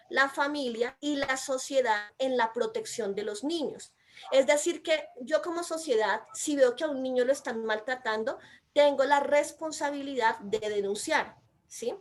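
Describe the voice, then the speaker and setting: A Colombian woman and mother with a Colombian accent, explaining a law in an emphatic way and describing herself as loud by nature. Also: sits high. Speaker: mother and commentator. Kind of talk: explanatory commentary.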